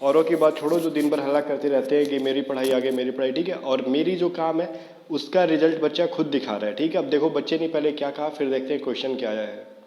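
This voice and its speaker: Man, exam coaching teacher, casual video lesson, slightly high voice, echoey room. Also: fast, dark tone. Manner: talks straight to viewers, many fillers like "theek hai". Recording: echoey room with long reverb.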